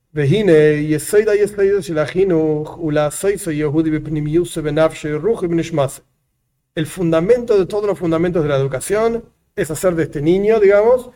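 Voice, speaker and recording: Male teacher, mellow tone, reads a passage and then explains it. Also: high-pitched. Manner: reads a line aloud, then explains it with repeated examples. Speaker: rabbi teaching a text. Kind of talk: religious lesson, reading Hebrew and explaining in Spanish.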